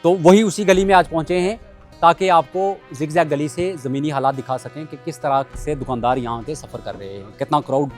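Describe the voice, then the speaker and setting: Man, street reporter, higher pitch, earnest, outdoor market lane, faint music behind. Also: brisk. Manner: earnest appeals to viewers.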